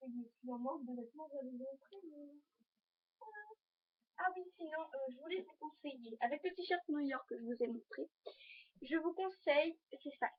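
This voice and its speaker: A high-voiced teenage girl talks straight to her viewers in a casual fashion vlog, rambling along with lots of hesitations while she holds things up to the camera. The sound is dull and lo-fi, recorded on a simple camera microphone. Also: moderate pace. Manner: chatty and rambling, full of hesitations. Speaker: vlogger. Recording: dull lo-fi home video recording.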